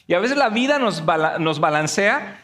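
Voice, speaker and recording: High, bright-voiced preacher man in a reverberant hall. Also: moderate pace. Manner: animated preaching with jokes and acted quotes. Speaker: pastor. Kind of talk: sermon. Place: church sanctuary.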